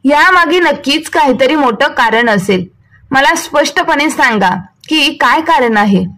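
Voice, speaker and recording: A calm but firm elderly mother presses her grown sons for answers, read by a woman storyteller. The voice is high. It comes from a spoken storybook. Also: measured pace, exaggerated voice. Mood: demanding. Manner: soothing, then firmly questioning.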